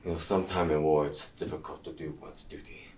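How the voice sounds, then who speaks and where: A man acting a sadistic, taunting British army colonel in a scene study, shouting some lines and murmuring others, heard from across the room. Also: steady tone, fairly quick, distant mic, slight background noise. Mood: cold. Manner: shouted taunts, then low menacing murmur. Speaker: acting student. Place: acting class studio.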